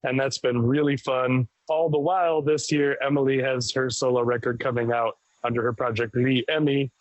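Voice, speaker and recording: A man in a band talks about his music in a loose, rambling interview voice. He sounds enthusiastic and mid-pitched. The recording is dry and close, with no room around him. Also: fairly even intonation, moderate pace, dry recording, rough recording. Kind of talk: casual interview chat.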